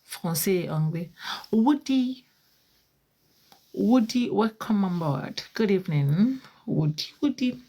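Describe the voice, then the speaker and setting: A woman's voice: lowish voice, expressive, a little slow, few pauses, dark tone. A woman, likely in her thirties, hosting a casual livestream chat from home at night, switching between English and French, repeating words and laughing often. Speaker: livestream host.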